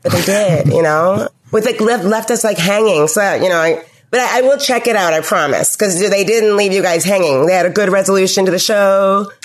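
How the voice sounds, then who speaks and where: Hoarse raspy woman chatting casually. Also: mid-range voice, brisk, few pauses. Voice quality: raspy, scratchy. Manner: playful, laughs often. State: hoarse, lost voice. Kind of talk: casual chat.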